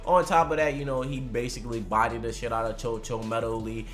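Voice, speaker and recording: A man with a mid-pitched voice gives unscripted preview commentary as a vlogger, making predictions as he goes. His talk is casual and slangy, full of loose swearing. Music plays behind him. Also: fairly even intonation, fast. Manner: slangy, swears freely, conversational.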